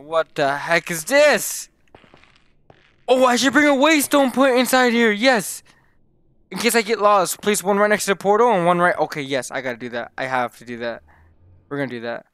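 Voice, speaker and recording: A young man casually commenting while he plays, excitable and talking straight to his viewers, often exclaiming in surprise. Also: a little high, smooth. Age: young adult. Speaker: gaming YouTuber. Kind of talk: casual Let's Play commentary.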